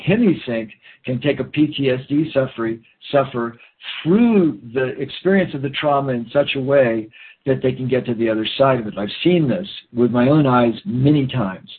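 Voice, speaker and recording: A man talking earnestly in a rambling interview, often restarting his sentences. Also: mid-range voice. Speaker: guest. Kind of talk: conversational interview talk. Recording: phone-line audio, husky.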